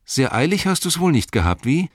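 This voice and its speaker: A man voicing a sharp-tongued young hobbit woman who teases and reproaches in a raised voice. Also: on the high side, big pitch swings, a little fast, no echo, clean studio sound, voice pushed up. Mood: teasing. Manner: teasing, reproachful.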